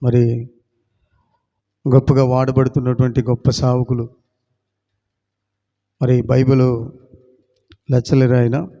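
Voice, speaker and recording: A man's voice: medium pitch, completely flat delivery, slow pace, long pauses, mellow. A male pastor, preaching a sermon that tells a story and builds to fervent prayer. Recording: long hall reverb, dull lo-fi sound.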